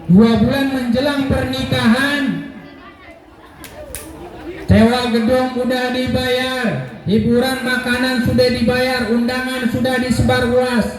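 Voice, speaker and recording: A male preacher tells a story to the congregation in a theatrical way, pausing to ask them questions. His high, mellow voice moves slowly and rings through a very echoey mosque hall. A faint crowd can be heard in the background. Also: flat delivery. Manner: theatrical, asks the audience questions. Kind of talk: storytelling sermon.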